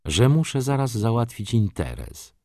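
A witty older countess teases with comic humility, as a man reads her. Her lines rise in a lively, lifted tone. The recording is dry and close. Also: medium pitch, measured pace, no echo, voice pushed up. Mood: teasing. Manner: teasing mock humility. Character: witty aristocratic aunt, older woman, playful.

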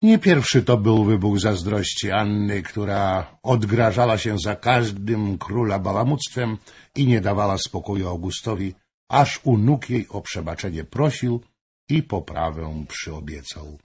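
Slow, husky male narrator. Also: on the low side. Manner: measured, even storytelling. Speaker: audiobook narrator. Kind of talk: scripted narration of a historical novel.

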